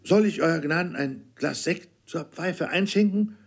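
A man's voice: a little high, unhurried, slightly rough, voice pushed up. Man doing a loyal, earnest old corporal. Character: loyal devoted army corporal servant, earnest and sober.

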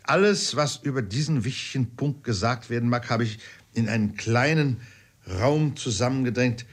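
A man's voice: medium pitch, normal speed, close to an everyday voice. A man reading an audiobook, voicing a pompous, learned older father who lectures emphatically. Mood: lecturing.

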